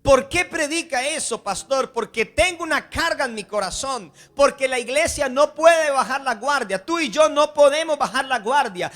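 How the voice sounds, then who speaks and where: A man's voice: very high-pitched, a bit bright. A man pastor preaching a sermon with passion, acting out the voices of the people he quotes.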